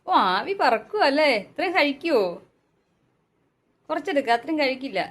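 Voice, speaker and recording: In her home kitchen, a home cook vlogger with a Kerala Malayalam accent chats casually and playfully while cooking alongside a small child. Her high-sitting voice is expressive and moves at a normal speed, fitting this relaxed family cooking talk.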